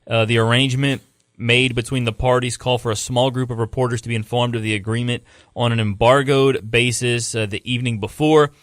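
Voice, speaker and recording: A man's voice: mid-range voice, fairly even intonation, brisk, fairly bright tone, no echo, studio quality. A man hosting a wrestling podcast, laying out the episode and reading a news article aloud in a laid-back way, stumbling over words. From Louisiana. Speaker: podcast host.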